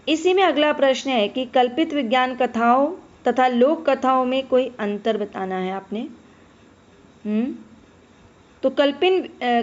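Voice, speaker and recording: A woman's voice: on the high side, highs cut off. A woman teaching a primary school Hindi lesson, patiently addressing the children, asking questions and then answering them herself. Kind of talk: classroom lesson explanation.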